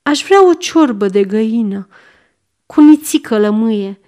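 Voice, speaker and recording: A woman's voice: on the high side, animated, dark tone, natural voice. Woman doing a snappish old miser man. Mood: wistful. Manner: querulous, snapping commands. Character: old miserly sick male merchant, grasping and irritable.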